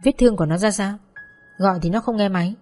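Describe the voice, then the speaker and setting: Brief: worried mother-in-law, brisk and fussing; woman narrator voices her. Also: mid-range voice, darkish tone, soft background music, close to an everyday voice.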